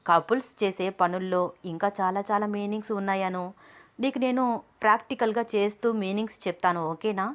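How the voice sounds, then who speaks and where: A woman's voice: mid-range voice, fairly even intonation, brisk, natural voice. A charming young husband, romantic and teasing, coaxing his shy wife in a storybook romance, as a female narrator reads him. The delivery stays close to her own medium voice.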